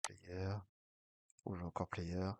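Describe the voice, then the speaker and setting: A deep-voiced online casino streamer with a head cold talks slowly in a flat, even tone, his words thick and nasal from a blocked nose. He gives a casual play-by-play of an online baccarat session, drifting into mumbling to himself as he clicks through bets, while a clear hiss runs under the recording.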